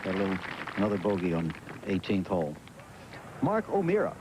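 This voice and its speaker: An American man giving live golf commentary as lead television announcer, in a measured, formal way with pauses. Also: sits low, huge pitch swings. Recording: noisy outdoor broadcast, vehicle and ambient sound.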